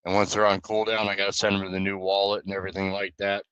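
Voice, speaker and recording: Bright-voiced man on a casual live stream. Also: deep voice, little pitch movement, fast talker, clean tone, no room sound, lo-fi sound. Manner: loose, rambling, with fillers and restarts. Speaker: streamer and guild leader.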